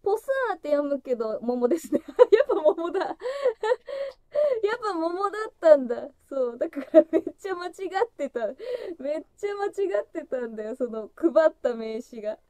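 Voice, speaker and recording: A woman's voice: lively intonation, fairly quick, mellow, dry recording. A woman in her thirties hosting a casual solo livestream, chatting freely and breaking into laughter often. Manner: chatty and giggly, breaks into frequent laughter, voice jumping high. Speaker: livestream host opening fan gifts.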